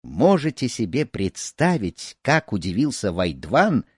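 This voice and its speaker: A man's voice: mid-range voice, measured pace, husky, dry recording, studio quality. A man narrating a folk tale, telling it expressively to listeners. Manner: expressive, animated storyteller.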